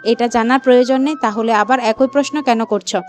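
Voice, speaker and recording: A grave, tight-lipped young husband in a storybook romance, as a woman reader puts him on. He speaks in a fairly high, curt voice. Faint music plays under him. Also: steady tone, brisk, a little mellow, natural voice. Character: stern, reserved young husband.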